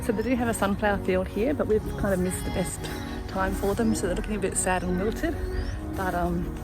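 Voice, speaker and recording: A woman in her thirties talks to camera as a travel vlogger in a chatty, informative way. Her voice sits at a medium pitch. She is recorded outdoors in an open space, with prominent music behind her. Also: fairly even intonation, fairly quick, rough recording. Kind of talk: casual presenting to camera. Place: outdoors on open farm grounds.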